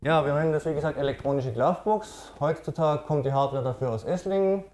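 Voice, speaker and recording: Speaking quickly in a slightly high yet mellow, dark voice, a middle-aged Swabian man presents at a technical conference. He comes from Swabia, Germany, carries a Swabian German accent, and explains in a matter-of-fact way peppered with "ähm."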